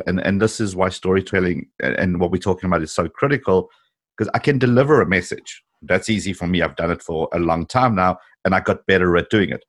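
A man chatting casually as an interviewer and technology video creator. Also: low voice.

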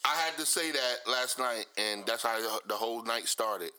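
A man joking loudly on a casual podcast, slangy and animated. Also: medium pitch, normal speed, smooth. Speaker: podcast co-host. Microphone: studio podcast mic.

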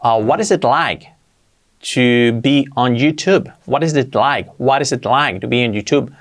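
Speaking Spanish with an accent from Spain, this man explains English grammar at medium pitch; he says each English example again slowly and often pauses to ask a brief check-in question.

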